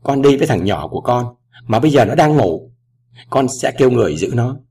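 A man's voice: medium pitch, very animated, fairly quick, dark tone, husky. A man voicing a grown daughter who speaks in a choked, pleading, raised voice, recorded at a distance from the mic. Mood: eager.

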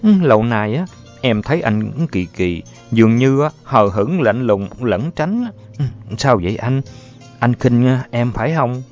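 A man voicing a tender, worried young woman who pleads softly with her sick lover. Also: medium pitch, expressive, measured pace. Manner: pleading, soft and fussing. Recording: dull lo-fi audio, faint music.

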